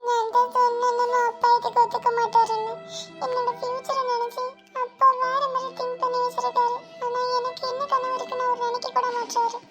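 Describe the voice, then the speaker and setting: A woman's voice: extremely high pitch, completely flat delivery, fairly quick. A woman voicing a college-age daughter who dreams of being a singer, pleading and tearful in a cartoon. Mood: sulking. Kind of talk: cartoon voice acting. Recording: loud background music.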